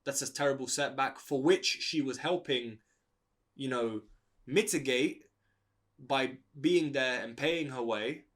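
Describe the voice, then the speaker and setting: A man's voice: mid-range voice, measured pace, a bit bright. A man co-hosting an advice podcast, giving blunt, opinionated takes in casual chat. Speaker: podcast co-host.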